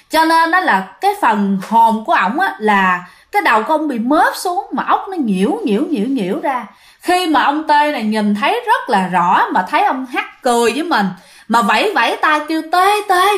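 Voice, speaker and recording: A woman with a Southern Vietnamese accent, telling ghost stories in a chatty way, often addressing her listeners. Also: a little high. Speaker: storyteller and channel host. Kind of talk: casual ghost-story narration.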